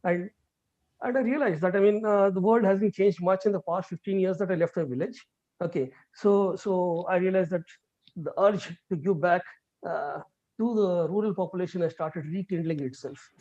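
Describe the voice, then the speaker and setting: A middle-aged man from India, giving an earnest online lecture as a guest speaker, quick and full of fillers and restarts. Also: high voice, darkish tone. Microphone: video call. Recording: dull lo-fi video call audio.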